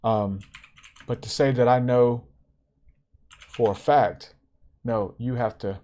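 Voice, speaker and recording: A man's voice: medium pitch, fairly even intonation, slow, warm tone. A man talks to his podcast listeners about faith and spiritual callings. He preaches in an easy, casual way, repeats his lines for emphasis and laughs now and then. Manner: preacherly, repetitive, laughs often. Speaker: podcast host. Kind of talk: spiritual encouragement talk.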